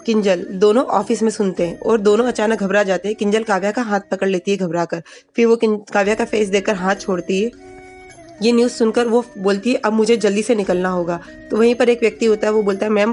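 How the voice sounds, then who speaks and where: A woman's voice: mid-range voice, darkish tone. A woman retelling the plot of a TV serial episode in a plain, casual narrating voice, reading the characters' quoted lines without acting them out. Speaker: storyteller recapping a TV serial. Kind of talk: casual spoken recap narration.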